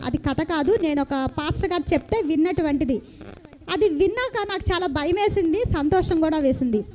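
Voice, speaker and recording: A woman with a Telugu accent preaches in a very high voice. She tells the story as a sermon and keeps asking her listeners questions. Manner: animated storytelling with rhetorical questions.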